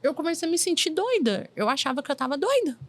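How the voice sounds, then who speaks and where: Woman in her 40s, interview guest, lively storyteller who acts out quotes, slightly high voice. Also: fast talker. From Brazil.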